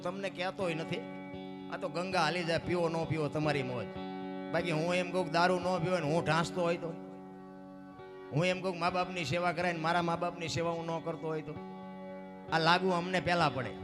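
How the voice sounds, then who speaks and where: A man performs dayro folk storytelling from a stage, in a high-pitched voice. He swings between loud cries and hushed asides. Music plays clearly behind him. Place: stage program.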